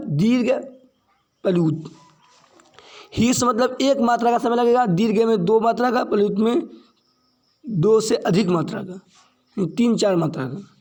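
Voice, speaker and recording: Guy teaching grammar slow, high but mellow voice, keeps asking and answering himself. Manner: repeats points and asks questions he answers himself; slow and deliberate, stressing key terms. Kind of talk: classroom grammar lesson.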